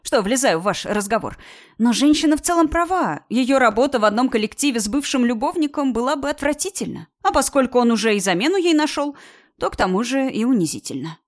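A woman's voice: fairly high pitch, animated, quick pace, pitched above the performer's own voice, natural voice. A woman voicing a polite young man up a tree. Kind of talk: audiobook character voice.

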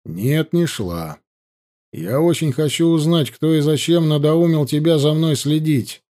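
Brief: male reader as a measured, cold werewolf chief, dark-toned and guarded. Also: a little high, lightly acted.

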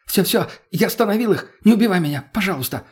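A man's voice: a little high, normal speed, darkish tone, slightly rough, voice pushed up. A man doing a terrified pleading young mage. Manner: pleading, stammering, gabbling. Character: terrified young male necromancer, whiny then sullen.

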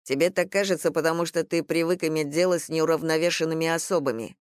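A reader voicing a cocky, touchy man with slow, sarcastic delivery. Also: medium pitch, smooth, no room sound, clean studio sound, natural voice.

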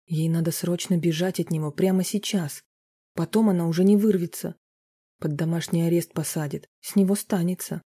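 A narrator reading a romance novel aloud in a steady, even storytelling manner. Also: medium pitch, normal speed, slightly rough, dry recording.

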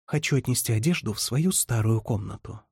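A man's voice: medium pitch, lively intonation, brisk, darkish tone, slightly rough, no room sound, clean studio sound. A man reading the lines of a spirited, teasing young woman in an audiobook, lifting his voice somewhat for her.

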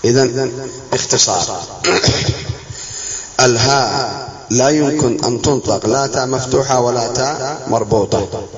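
A man's voice: medium pitch, a crowd in the background. Male classroom teacher, patient and repetitive, quizzing students; echoey room, muffled lo-fi sound. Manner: slow, repeating examples and quizzing students. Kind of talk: classroom lesson on spelling.

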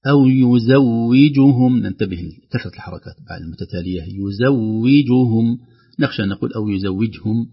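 Husky man teaching recitation. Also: low voice, highs cut off. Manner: explains calmly, chanting verse examples slowly. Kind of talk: radio recitation lesson.

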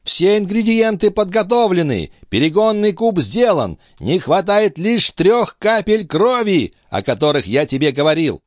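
A man voicing an ancient, frail male alchemist, wrathful and scornful, with a weak, quavering old voice and shrill shouting outbursts. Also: sing-song, a little slow, hardly any pauses, no room sound, clean studio sound. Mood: weary. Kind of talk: audiobook character voice.

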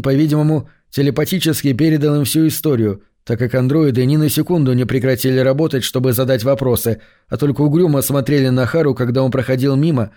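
Mellow-voiced male audiobook narrator. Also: mid-range voice.

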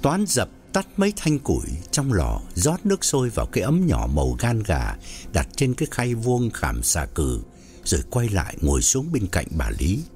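Man narrating with sweeping pitch. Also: wildly swooping pitch, a little mellow, soft background music. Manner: measured storytelling with wide pitch swings. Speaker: audiobook narrator. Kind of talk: scripted story narration.

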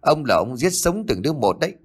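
A man voicing a hot-tempered middle-aged landowner who shouts and curses at his servants. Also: mid-range voice, very animated, a little fast, faint music behind, pitched above the performer's own voice. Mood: angry shouting. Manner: shouting, cursing.

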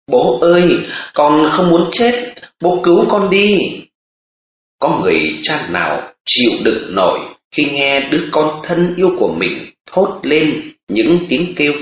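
Slow, expressive male narrator. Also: medium pitch, a little hiss or hum. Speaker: audiobook narrator. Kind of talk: scripted storytelling narration. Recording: echoey, dull audiobook recording.

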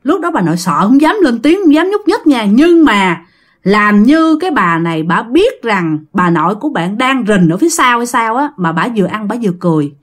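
A woman's voice: on the high side, big pitch swings, normal speed. A woman telling a family ghost story in a chatty way, talking straight to her listeners. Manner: chatty, addresses listeners directly, laughs.

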